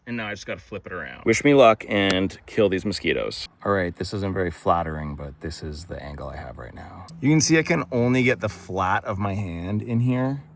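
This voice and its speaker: A man with a lowish voice talks straight to his viewers in a relaxed how-to vlog, cracking wry complaints as he works. He films himself outdoors on a handheld phone. A steady, clearly audible outdoor noise sits under his voice. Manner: chatty, talks to viewers, grumbles with humor. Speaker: DIY vlogger. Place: outdoors on wet grass beside a pickup truck.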